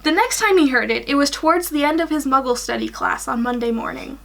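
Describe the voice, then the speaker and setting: Animated and brisk, she reads a fan story and chats loosely as a guest on a fan fiction livestream. The woman is in her twenties, sitting in a small room at home, and her high voice is gravelly but fairly bright.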